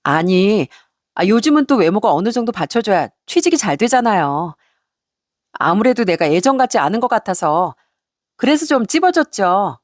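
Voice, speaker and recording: A woman's voice: medium pitch, big pitch swings, moderate pace, dry recording, studio quality. Woman doing a breezy, evasive young sister-in-law.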